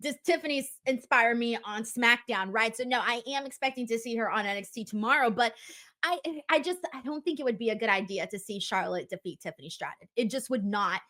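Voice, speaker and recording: High-voiced woman talking wrestling, emphatic. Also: a little fast. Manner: animated, emphatic, conversational. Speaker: wrestling talk show host. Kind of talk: casual wrestling commentary and discussion.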